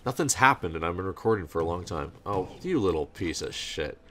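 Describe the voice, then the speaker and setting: A man casually commenting on his strategy game as he plays, rambling and thinking out loud with sarcastic asides, on a desk mic without a pop filter. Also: sits low, animated, a little fast, a little hiss or hum. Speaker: gameplay commentator. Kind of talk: casual let's-play commentary.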